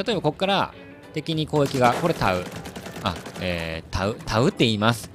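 A man's voice: medium pitch, very animated, normal speed, over music. A young man from Hiroshima with a Hiroshima dialect accent, giving chatty, playful gameplay commentary with frequent laughs. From Hiroshima, Japan. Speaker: game commentator.

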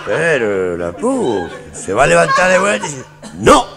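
A male Argentine comedian performs a crude stand-up set, taken from a live show on cassette. His slightly high voice has a gravelly rasp, and his pitch leaps about in lively swoops. He rambles and keeps laughing at his own jokes. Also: normal speed. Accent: Argentine Rioplatense Spanish.

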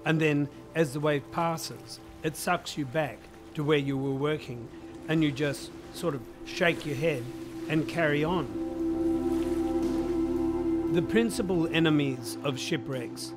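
A man's voice: a little high, slow pace, over loud music. A man with an Australian accent, a chemist and museum director, explaining things vividly and plainly in an interview.

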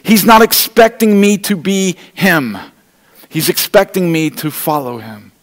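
With a high, very animated voice at a measured pace, a middle-aged pastor preaches his Sunday sermon straight to the congregation in an earnest, pleading way. He moves across the stage holding an open Bible, his voice echoing with the long reverb of a big indoor church hall.

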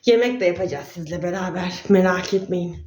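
A woman's voice: lowish voice, brisk, darkish tone. A woman chatting casually in a vlog, affectionately calling her viewers dear ones. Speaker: vlogger.

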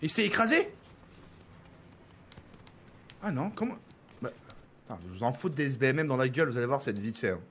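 A man's voice: medium pitch, big pitch swings, fairly quick, pauses often, a bit bright, a little hiss or hum. A man from France streaming a game, ranting at his viewers with exasperation, swearing and stumbling over his words. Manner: exasperated, swearing, stammering restarts.

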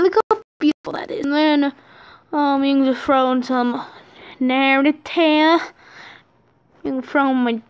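On a lo-fi recording, a woman with a high voice gives a casual app tutorial as a YouTuber. Her delivery is rambling and jokey, with asides muttered quietly to herself.

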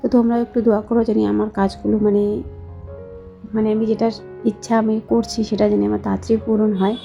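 A young woman's voice-over for a home vlog, slow, soft and hoarse from a cold. Her tone is dark and mellow and stays flat. The sound is a bit dull, with faint instrumental music behind her. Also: mid-range voice. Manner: talking slowly and softly, chatty, addressing viewers directly. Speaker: vlogger, housewife.

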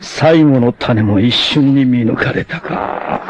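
A male actor playing a battered, defiant free-spirited warrior in a 1980s anime, cocky, rough-spoken and theatrical, with a gravelly, strained voice. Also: medium pitch, slow pace. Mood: grim resolve. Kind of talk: dramatic 1980s anime acting. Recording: noisy old anime soundtrack clips.

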